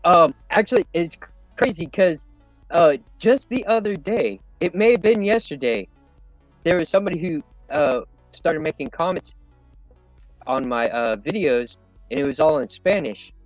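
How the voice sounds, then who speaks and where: Halting, reflective man in casual chat. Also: fairly high pitch, very animated, dry recording, faint music behind, rough recording.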